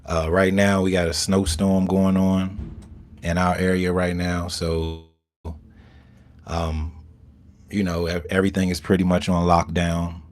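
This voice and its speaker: American male, bass-leaning register, slow and halting, casual livestream chatter from a small sauna. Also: monotone. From Southern Maryland, USA. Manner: halting, rambling, unhurried. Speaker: live streamer. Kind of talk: casual live chat. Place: inside a small home infrared sauna.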